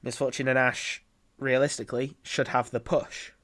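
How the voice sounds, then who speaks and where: Casting a live esports game on his own streaming mic, this man rambles and chats with lots of filler words. He has a mid-range, fairly bright voice, a level tone, and a moderate pace.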